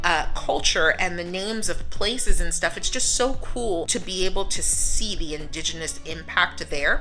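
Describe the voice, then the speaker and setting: A woman's voice: on the low side, pushed and bright. A woman from the United States talking casually to camera in a vlog, chatty and upbeat, laughing often. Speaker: vlogger.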